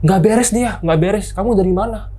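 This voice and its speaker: A man's voice: a little fast, dark tone, slight background noise, close to an everyday voice. A man raising his voice to quote his frightened wife, alarmed and urgent. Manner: pitched-up urgent retelling.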